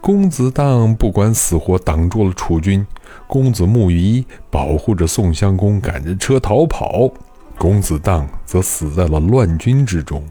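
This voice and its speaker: A man tells a historical tale in a scripted, expressive reading. His voice is low and warm, and the pitch moves a lot as he carries the story. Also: unhurried, faint music behind.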